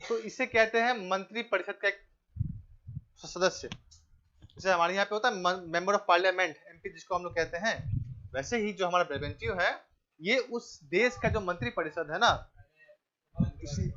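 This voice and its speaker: A male teacher giving a classroom lecture, asking the class questions, answering them himself, repeating key names and telling the students to keep quiet. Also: sits high, normal speed, long pauses, highs cut off. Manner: tells the class to keep quiet and pay attention.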